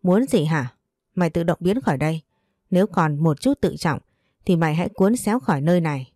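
A spiteful young wife hurls insults at a rapid clip, put on by a woman narrator. The voice sits low and mellow, and the sound is dry and close. The character is contemptuous, crude and bullying. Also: animated, no room sound, soft background music. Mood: scornful.

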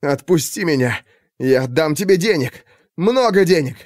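A man's voice: very animated, moderate pace, no room sound, studio quality. A man doing a squealing young aristocrat. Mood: panicked. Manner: shrill, squealing, panicky. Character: young male aristocrat, frightened, pleading.

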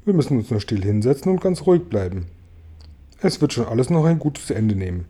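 A man voicing an old gentleman grasshopper who speaks formally and tries to sound calm. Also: medium pitch, brisk, slightly rough. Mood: reassuring.

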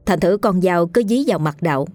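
Woman narrator, ghost story audiobook, low voice, dry close sound, faint music behind. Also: lively intonation, a little fast, a little mellow, no room sound. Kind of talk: scripted horror audiobook narration.

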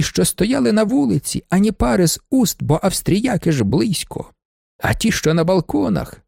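Guy reading old ex-cavalry manager, teary and fond, high gravelly voice, swings up and down a lot. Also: warm tone, dry recording, clean studio sound, heavily acted. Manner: fond, tearful storytelling. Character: emotional older male estate manager, ex-cavalryman.

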